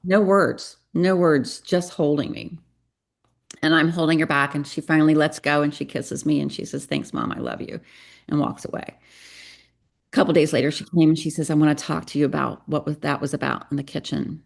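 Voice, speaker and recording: A woman's voice: sits low, little pitch movement, brisk, creaky. A middle-aged woman guest on a podcast, earnestly telling a personal story and acting out bits of dialogue. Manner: earnest, confessional, acts out dialogue. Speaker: guest, psychotherapist and parenting coach.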